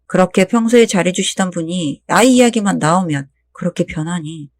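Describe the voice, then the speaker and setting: A woman narrating a first-person story in calm, scripted storytelling. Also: on the low side, a little fast, no room sound.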